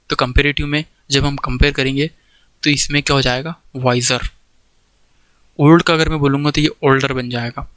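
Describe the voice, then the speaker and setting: A man's voice: fairly high pitch, sharp tone, dry recording, low-quality recording. A man teaching a grammar lesson in with examples, explaining step by step and checking often that students follow. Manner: explains step by step, keeps checking understanding with "theek hai". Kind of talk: classroom grammar lecture.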